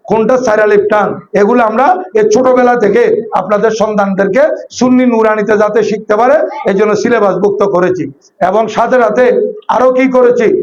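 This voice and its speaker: A very high-voiced man with a Chittagonian Bengali accent preaches emphatically, explaining points and reciting Arabic phrases. The recording is dull and lo-fi. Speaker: Islamic scholar and preacher. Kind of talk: sermon.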